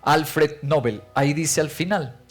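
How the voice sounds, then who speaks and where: A male pastor preaches with emphatic force and piles up rhetorical questions. He tells his stories vividly in a fairly high voice. Faint instrumental music sits under his words. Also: unhurried. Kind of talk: sermon.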